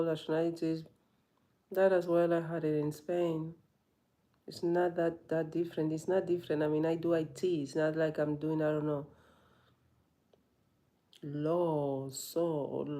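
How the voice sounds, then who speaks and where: Low, mellow-voiced woman musing aloud. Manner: thoughtful, halting, searching for words. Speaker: yoga teacher. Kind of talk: reflective casual live vlog.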